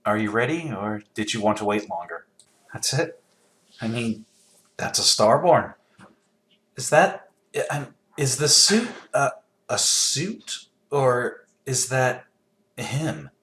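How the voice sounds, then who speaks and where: An intense, anxious scientist in a video game. His medium-pitched voice moves around a lot. He is stubbornly logical, halting and emphatic by turns. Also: animated, fairly bright tone. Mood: tentative. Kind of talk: video game dialogue, dramatic acting.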